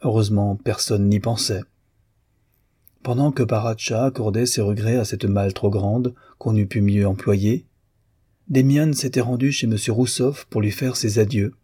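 A man reading a novel aloud in calm, measured scripted narration. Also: lowish voice, breathy edge, no echo, studio quality. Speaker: audiobook narrator.

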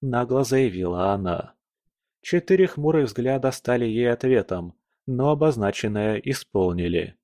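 A man narrates a fantasy romance tale in a measured, steady reading manner. His voice sits at an ordinary middle pitch. It is recorded close and dry, with no room sound. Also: no echo. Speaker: audiobook reader.

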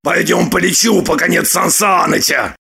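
A bossy, streetwise man barking short commands in a husky, gravelly voice, as a woman reader puts him on. Audiobook character delivery. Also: on the low side, moderate pace, bright, forceful tone, exaggerated voice.

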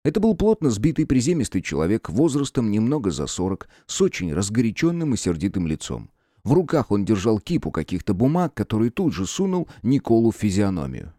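A man narrating a story in an expressive, wry storytelling manner. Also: fairly low pitch, a little fast, no room sound, clean studio sound. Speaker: audiobook narrator. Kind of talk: scripted narration.

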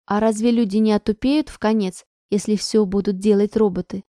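A woman's voice: mid-range voice, steady tone, a little fast, dry recording, studio quality, close to an everyday voice. A woman voicing a sullen, defiant teenage new girl who grumbles and snaps back, in an audiobook. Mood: grumbling. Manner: grumbling, sharp retorts.

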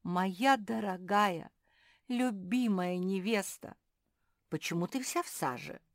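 A woman voicing a gentle male bulldog in a children's audiobook, speaking slowly and tenderly. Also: medium pitch, no echo, studio quality. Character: male bulldog groom, deep-voiced and gentle.

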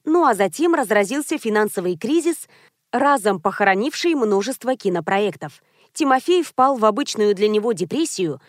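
A woman reading a novel aloud as a first-person audiobook narrator, in an even, measured way. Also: medium pitch, dry recording, clean studio sound.

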